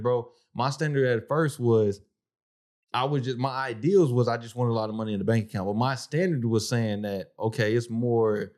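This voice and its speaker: A man's voice: mid-range voice, darkish tone. A man co-hosting a podcast in casual, colloquial chat, addressing his friend like a buddy. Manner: colloquial, peppers speech with "bro" and "man". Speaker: podcast co-host.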